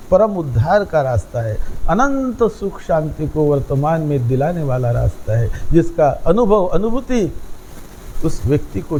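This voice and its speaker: Buddhist monk preaching, slow and steady, soft mellow tone, keeps repeating phrases. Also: male voice, a little high, slight background noise, poor audio. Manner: measured, repetitive phrasing. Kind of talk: sermon.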